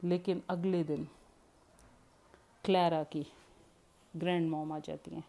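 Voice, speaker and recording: Woman, storybook narration, expressive, low voice, warm mellow tone. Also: slow, creaky. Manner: expressive, mixing English words in.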